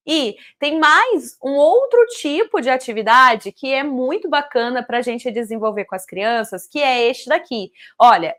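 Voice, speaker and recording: Woman, high pitch, didactic teaching video, speaks directly to teachers. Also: a bit bright. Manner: clear, didactic, speaks syllables slowly to demonstrate; addresses teachers directly, asks rhetorical questions. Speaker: literacy teacher and educator. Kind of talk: teaching video with product promotion.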